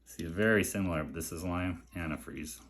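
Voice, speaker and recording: Low-voiced man chatting over toy cars. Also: fairly quick. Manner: relaxed, admiring, chatty with his pet. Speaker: collector showing a mail delivery. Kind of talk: casual unboxing commentary.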